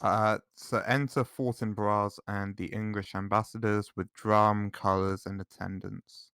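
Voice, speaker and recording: Low, clear-voiced man reading stage directions. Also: flat delivery, measured pace, a bit bright, no echo, studio quality. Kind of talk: casual, halting read-aloud of a play script.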